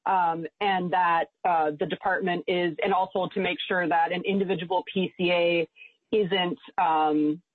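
A woman testifies as an agency director at a public hearing, formal and measured but filling pauses with frequent ums. Her voice arrives over a remote call link, thin and phone-like in a hearing recording. The line is dry, with a slightly husky edge. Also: lowish voice, steady tone, dry recording. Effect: remote call audio in a hearing recording. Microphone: video call link.

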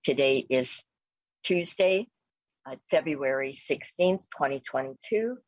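An American woman chairing a remote meeting, speaking formally and procedurally with a halting, hesitant delivery. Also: a bass voice, lively intonation, no room sound. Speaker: committee chair. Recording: muffled lo-fi remote meeting audio.

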